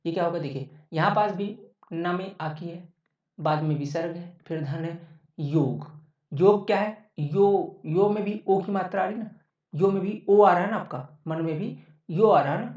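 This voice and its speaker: A man's voice: sits high, darkish tone. A male teacher giving an online exam-prep lecture, repeating each point and answering his own questions. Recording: roomy, distant, dull lo-fi sound.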